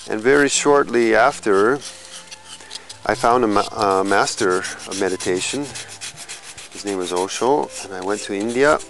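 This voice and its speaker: A man in his fifties from California, a musician telling his life story in a slow, reflective documentary interview, pausing and restarting as he thinks. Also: on the low side, gravelly, a bit bright, rough recording. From California, USA. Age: 50s. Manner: slow, thoughtful, with pauses and small restarts.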